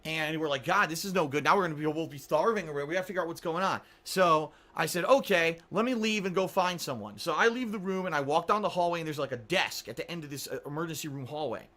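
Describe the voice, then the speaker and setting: A man's voice: fairly high pitch, fast talker, hardly any pauses, sharp tone. A man telling an exasperated, sarcastic story as a vlogger, swearing and acting out the people he quotes. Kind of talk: angry storytelling rant.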